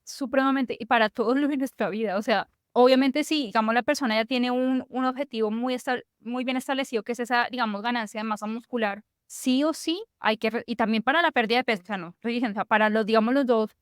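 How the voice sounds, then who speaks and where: A woman's voice: on the high side, fast talker, few pauses, smooth, no echo, studio quality. A woman physician, explaining at length in a conversational interview, with frequent fillers and restarts.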